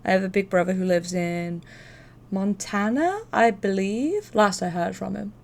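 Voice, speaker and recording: Female streamer, mid-pitched voice, casual and talkative host who swears freely. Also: lively intonation, a little slow, gravelly. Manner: casual, profane, chatty. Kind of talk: casual livestream chat.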